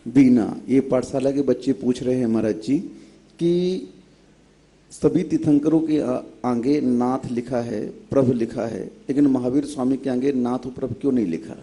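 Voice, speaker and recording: Guy w/ really dark mellow voice reading out audience questions to the monk, very respectful. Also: medium pitch, normal speed. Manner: formal and respectful, addresses the monk as maharaj ji. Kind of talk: reading devotees' questions aloud.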